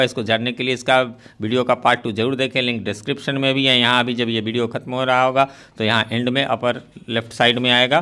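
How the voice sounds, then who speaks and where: A man's voice: mid-range voice, pushed and bright. A man from India, an English teacher, explaining a play line by line in a lesson with an Indian English accent, switching between Hindi and English.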